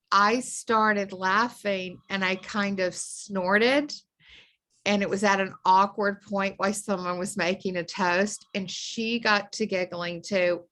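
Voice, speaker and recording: Unhurried woman telling a fond anecdote. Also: medium pitch, fairly bright tone. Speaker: friend and colleague giving a tribute. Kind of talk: remembrance storytelling.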